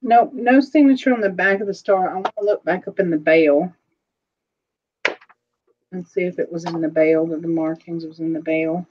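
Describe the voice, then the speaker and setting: A woman's voice: lowish voice, a little hiss or hum. Chatty woman on a muffled stream. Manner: chatty, rambling, quick to laugh. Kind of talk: casual live-stream chat.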